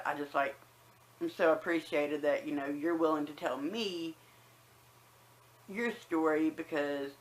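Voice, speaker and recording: A woman's voice: low-pitched, a bit bright, poor audio. A woman telling a personal story casually to viewers, with a slight whistle on some words and a habit of acting out remembered remarks. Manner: conversational, acts out remembered remarks. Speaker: personal vlogger.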